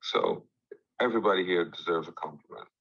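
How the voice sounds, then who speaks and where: A man's voice: sits low, huge pitch swings, fairly quick, gravelly, a bit bright, husky, muffled recording. A man hosting a live audio chat, upbeat and encouraging, calling on speakers. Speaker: host.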